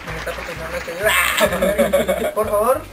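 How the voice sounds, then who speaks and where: A Mexican man chats with his friends in a loose, slangy, joking way, swearing freely and repeating himself. He is picked up from a distance, with music clearly playing behind him. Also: high-pitched, normal speed. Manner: slangy, profane, repeats phrases excitedly. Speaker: challenge host and contestant. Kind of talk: casual, joking chat among friends.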